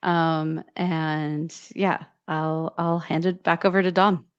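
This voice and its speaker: Smooth low woman on a muffled stream. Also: level tone, slow. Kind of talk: casual livestream handoff.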